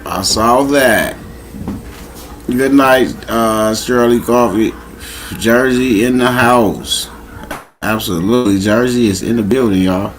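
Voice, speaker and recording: A man's voice: mid-range voice, steady tone, a little slow, soft background music. A man casually hosting a late-night livestream, talking in slang and repeating his greetings over and over to the chat. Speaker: livestream host. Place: home, late at night, dogs nearby.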